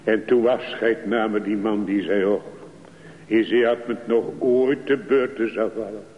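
A man preaching a sermon in a slow, pleading way that rises to fervent calls. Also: lowish voice, fairly even intonation. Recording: dull, echoey church recording.

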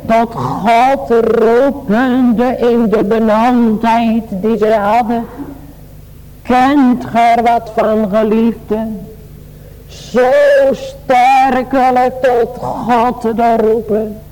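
A man's voice: very high-pitched, steady tone, drawn-out words, darkish tone, long reverb tail, poor audio. A man preaching a sermon in a chanting, sing-song cadence, pleading with his listeners as beloved.

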